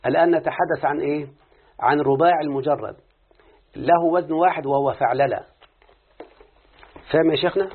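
A man's voice: fairly high pitch, fairly quick, pauses often, slightly rough. A man with an Egyptian accent teaching an Arabic morphology lesson, constantly quizzing his student with questions. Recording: phone-like lo-fi audio.

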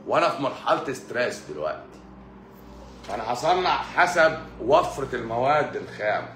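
A man with an Egyptian Arabic accent giving an explanatory talk on a live stream. He repeats key words as questions and greets viewers in quick asides. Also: medium pitch, very animated, a bit bright, slight background noise. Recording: echoey room with faint music.

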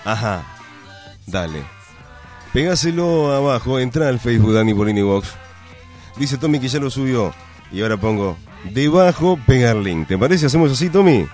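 A man's voice: mid-range voice, animated, normal speed, darkish tone, faint music behind. A man with an Argentine Rioplatense accent hosting a radio show, chatting casually and joking with his producer. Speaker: radio host. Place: radio studio.

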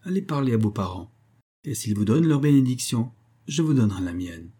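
A man reading aloud and voicing a fawning, shrewd old male banker with a nasal, whining voice, in a low husky register. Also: animated, fairly quick, dark tone. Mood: sly.

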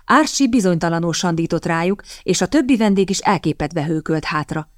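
A woman reading an audiobook in a measured, even scripted narration, recorded close on a studio mic. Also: fairly low pitch, no echo.

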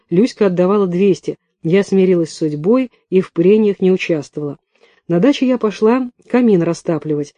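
A male audiobook reader narrates in a lively storytelling manner, with a high voice of a very dark, mellow tone. The recording is close and completely dry. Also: no echo.

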